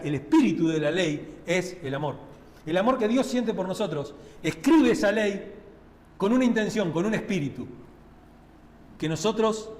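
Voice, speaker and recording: A man's voice: fairly high pitch, darkish tone, big-room sound. A man with a Rioplatense Spanish accent preaching a sermon, talking to the congregation in a conversational way and often checking in with tag questions. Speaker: pastor. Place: church sanctuary.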